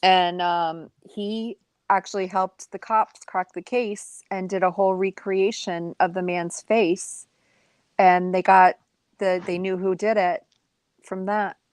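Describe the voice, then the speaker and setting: A woman's voice: medium pitch, level tone, slow pace, clean tone, dry recording. A woman in a casual live stream chat, telling a story in a chatty way with many fillers.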